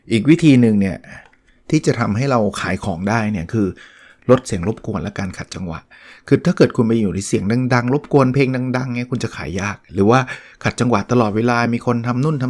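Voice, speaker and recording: A middle-aged man hosting a solo podcast, talking through a book in a relaxed, conversational way with frequent restarts and polite particles. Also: lowish voice. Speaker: podcast host reviewing a book. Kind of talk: casual solo talk.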